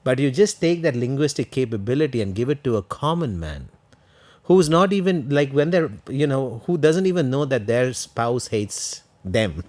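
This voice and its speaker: A man's voice: mid-range voice, sing-song, moderate pace, a little mellow. A man co-hosting a podcast, explaining ideas earnestly and asking rhetorical questions. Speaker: podcast co-host.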